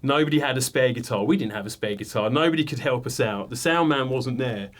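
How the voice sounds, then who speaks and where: A man's voice: mid-range voice, a little fast. A man in his forties from England, a guitarist telling stories about playing live in a rambling, self-deprecating way, full of "like" and "you know". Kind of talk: relaxed interview storytelling.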